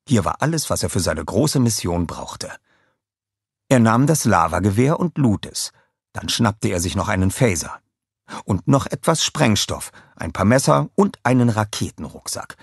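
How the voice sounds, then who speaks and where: Low, husky male narrator with a lively delivery, dry close recording, scripted audiobook reading. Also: no echo.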